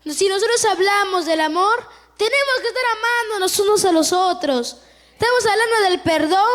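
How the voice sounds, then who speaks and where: Very high-voiced fervent woman preacher. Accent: Peruvian Spanish. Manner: emphatic and repetitive, building fervor. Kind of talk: sermon. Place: church.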